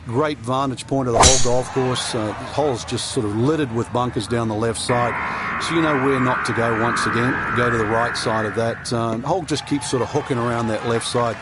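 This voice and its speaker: A man's voice: mid-range voice, steady tone, brisk. A man giving conversational golf commentary as an analyst, explaining things in a casual, folksy way. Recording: loud outdoor crowd and vehicle noise. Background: loud crowd and outdoor noise.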